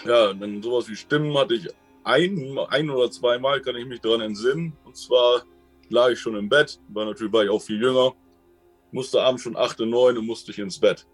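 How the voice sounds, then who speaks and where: A man in a casual interview, telling his own experiences in a rambling, colloquial way and often tagging sentences with a quick question. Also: mid-range voice, husky, faint music behind. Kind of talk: casual storytelling.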